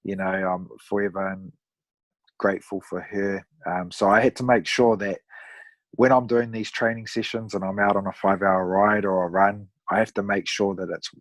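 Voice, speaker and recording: Low-voiced man with a broad Kiwi accent. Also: flat delivery, normal speed, no room sound, low-quality recording. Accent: broad New Zealand. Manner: laid-back, matey, rough-around-the-edges talk. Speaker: podcast guest, amateur endurance athlete. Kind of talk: casual conversational storytelling.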